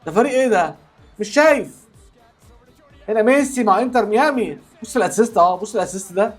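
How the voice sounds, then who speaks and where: Egyptian man, football reaction host, very high animated voice, quick talker, music underneath. Keep it excitable and repetitive. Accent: Egyptian Arabic. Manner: animated, exclaiming, repeats words.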